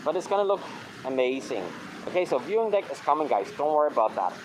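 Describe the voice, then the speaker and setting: In a low-quality recording with slight background noise, a man vlogs on a handheld camera as he walks a city beach, chatting casually. His voice is on the high side with a darkish tone, very animated and fast, and he mixes English with a few Tagalog phrases in a non-native accent.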